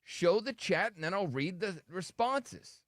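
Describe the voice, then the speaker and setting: A man's voice: sits high, expressive, unhurried, dry recording, studio quality. A man hosting a live radio show, teasing and goading his co-hosts and laughing often. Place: radio studio.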